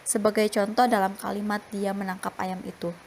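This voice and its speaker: A woman's voice: mid-range voice, brisk, slight background noise. Young woman reading class slides. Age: young adult. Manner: steady, explanatory reading of slides. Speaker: student presenter.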